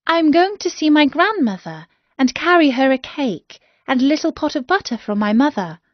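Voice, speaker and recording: A woman's voice: high voice, sing-song, moderate pace, no echo, lo-fi sound, voice pushed up. A woman voicing a trusting, cheerful little girl in a storybook reading. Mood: innocent.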